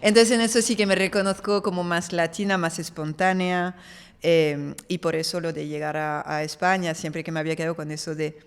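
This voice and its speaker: A woman from France, speaking as a native French speaker, tells her stories in a casual interview. She is lively and animated and slips into the voices of people she quotes. Her voice carries a long reverb. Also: lowish voice, brisk, clean tone. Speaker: guest.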